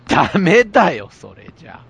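A man's voice: fairly low pitch, animated, normal speed, vocal fry, a bit bright, husky, voice pushed down, full character voice. Smug grumpy old drunk guy lecturing, sing-song voice, man putting it on. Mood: scolding. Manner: smug half-laughing scolding.

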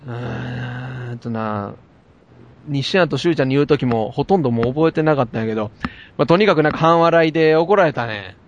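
A man with a Kansai accent telling an animated anecdote in casual chat. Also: mid-range voice, brisk, highs cut off. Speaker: storyteller.

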